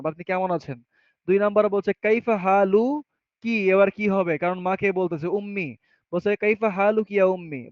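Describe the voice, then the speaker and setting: A man with a fairly high voice teaches Arabic grammar patiently, one step at a time. He reads the example sentences slowly and answers his own questions as he goes. The sound is dry and close, with a dull, slightly muffled tone. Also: no room sound. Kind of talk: classroom grammar lesson.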